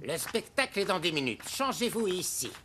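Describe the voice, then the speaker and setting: A man's voice: high-pitched, big pitch swings, normal speed, sharp tone, a little hiss or hum, exaggerated voice. A man voicing a showy, skeptical cartoon circus boss with a theatrical delivery.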